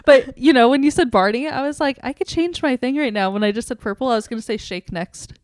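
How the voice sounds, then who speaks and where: A woman's voice: high voice, fast, dry recording. A young woman co-hosting a podcast in casual chat, laid-back, with short replies and frequent laughs. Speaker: podcast co-host.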